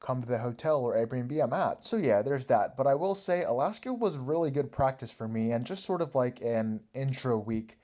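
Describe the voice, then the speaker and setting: A man's voice: medium pitch, animated, normal speed, hardly any pauses, warm tone. A young man hosting a solo podcast, chatting casually in a rambling, self-mocking way. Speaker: podcast host.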